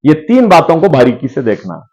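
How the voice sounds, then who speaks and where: Animated man giving business training. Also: moderate pace, lo-fi sound. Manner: animated, swings pitch, acts out quoted dialogue; addresses listeners as sir. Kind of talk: training session talk.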